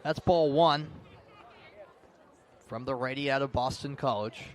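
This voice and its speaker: Here a man's medium-pitched voice moves at a measured pace through live radio play-by-play at an outdoor ballpark or field. He covers the action in detail and lifts his intensity for big plays, with faint background noise present in the broadcast.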